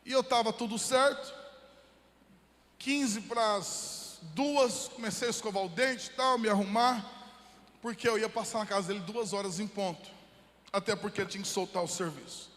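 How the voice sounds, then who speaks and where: A Brazilian pastor from the interior of São Paulo preaches with a strikingly high voice, moving from storytelling into fervent exhortation. His words ring out with long reverb in a church hall. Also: moderate pace, a bit bright. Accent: Brazilian Portuguese, São Paulo interior. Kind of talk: sermon with personal story.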